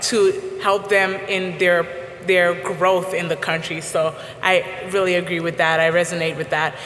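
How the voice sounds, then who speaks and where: A woman's voice: medium pitch, a bit bright, slight background noise. Encouraging woman panel moderator. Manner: encouraging, formal questions. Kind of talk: hosting a live panel. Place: event stage. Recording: echoey hall reverb.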